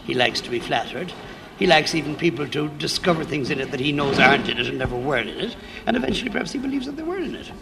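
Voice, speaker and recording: A man's voice: a little high, big pitch swings, fast talker, gravelly, noisy background. A man working as an interviewer and presenter in a literary interview, posing questions and linking remarks.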